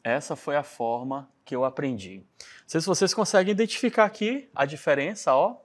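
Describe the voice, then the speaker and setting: A man's voice: on the high side, fairly quick. A Brazilian man with a Brazilian Portuguese accent, teaching a chatty English lesson and checking in often with his class. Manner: chatty, animated, keeps checking in with "né?".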